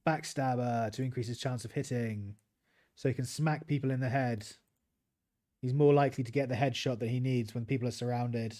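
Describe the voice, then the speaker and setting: Chatting with his viewers as he plays, a British man keeps his game stream laid-back. He speaks at a middle pitch and an unhurried pace, weighing decisions aloud and now and then answering people in the chat.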